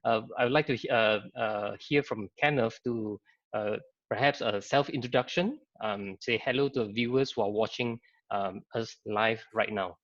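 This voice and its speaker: A man's voice: lowish voice, moderate pace, no echo. A man moderating a live online panel, hesitant with many fillers. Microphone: video call. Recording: dry, dull lo-fi video call audio.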